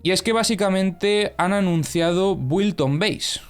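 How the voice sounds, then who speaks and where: A man's voice: sits high, measured pace, smooth, soft background music. A young man hosting crypto news and analysis, talking in a chatty, explanatory way with many fillers and self-corrections. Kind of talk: casual news commentary.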